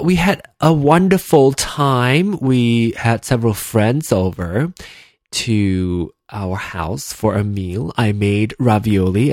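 A man's voice: mid-range voice, dry recording, studio quality. A Malaysian-born man in his thirties hosting a casual solo podcast, rambling and correcting himself with many fillers. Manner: rambling, self-correcting, chatty with frequent fillers. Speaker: podcast host. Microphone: in-ear headphones with a desk mic.

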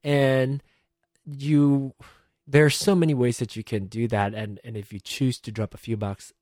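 A man's voice: mid-range voice, level tone, a little slow, darkish tone, no echo, studio quality. A man in his thirties from Malaysia hosting a casual solo podcast from a home computer, rambling and giggly with many fillers. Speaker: podcast host.

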